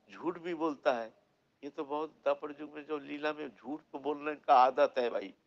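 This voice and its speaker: A man telling a devotional story as a sermon, animated and repetitive, asking his listeners questions. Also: a little high, lo-fi sound. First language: Bengali. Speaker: religious storyteller.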